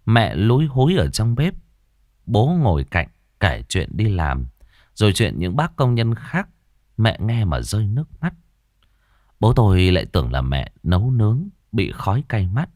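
A male storyteller narrates a ghost story with a very low voice. His pitch swings widely as he builds tension. The sound is dry and close. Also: darkish tone, dry recording. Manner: slow, dramatic storytelling.

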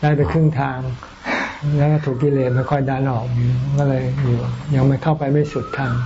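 A man, a Buddhist monk teacher, answering questions in a dharma talk in a calm, patient way, often repeating words. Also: medium pitch, brisk. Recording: dull audio with audible background noise.

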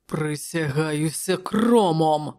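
A woman voicing a fierce, wounded barbarian king in a low, growling voice. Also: slow, a little mellow.

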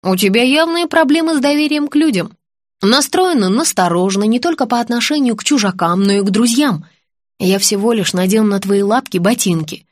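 A woman's voice: fairly high pitch, lively intonation, fairly quick, no echo, studio quality, lightly acted. A woman reading an audiobook, voicing a bossy, sarcastic businessman who mocks and gives orders. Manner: mocking, commanding. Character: businessman friend, adult man, sarcastic and bossy.

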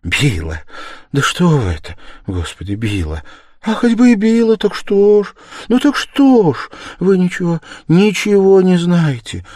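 Guy reading a book doing a shy meek young woman, voice pushed way up high, soft and unsure, dry close sound. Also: moderate pace, no echo, close to an everyday voice. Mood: pleading. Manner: soft, hesitant, rising to tearful pleading. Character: timid, meek young woman, gentle and pleading. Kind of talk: audiobook character reading.

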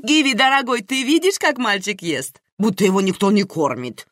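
A woman reader voicing a loud, fussy, doting middle-aged aunt who exclaims and fusses over everyone. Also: mid-range voice, normal speed, dry recording, clean studio sound, voice pushed up, natural voice. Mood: effusive fussing. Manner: effusive, exclaiming, fussing.

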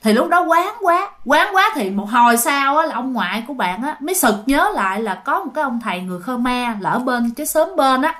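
A woman telling a ghost story aloud, her voice high and light. She speaks with a Southern Vietnamese accent and a chatty, rambling way of talking, turning often to address her listeners directly. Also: big pitch swings, brisk, hardly any pauses, fairly bright tone.

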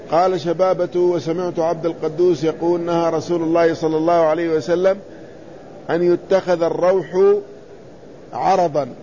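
Male scholar, high voice, measured text-reading lesson, dull lo-fi recording. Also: warm tone, slight background noise. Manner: measured, deliberate, spells out letters and vowels. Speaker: Islamic scholar teaching hadith commentary. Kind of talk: reading and explaining a classical text.

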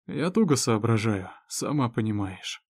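A man voicing a drunk, weary, sarcastic man, hoarse and sluggish. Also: fairly low pitch, animated, unhurried, no room sound, studio quality. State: drunk, groaning.

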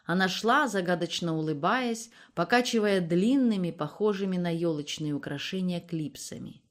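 A woman narrating a novel as an audiobook, with expressive storytelling. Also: fairly low pitch, normal speed. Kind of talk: audiobook reading.

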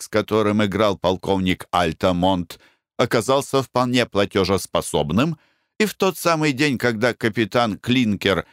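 A man narrating a classic novel as an audiobook in a measured, even way. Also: fairly low pitch, clear, resonant tone, dry recording, clean studio sound. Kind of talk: scripted narration.

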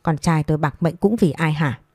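A woman reading a story voices a scornful, sharp-tongued old mother-in-law who scolds in quick, cutting bursts. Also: sits low, dry recording, studio quality.

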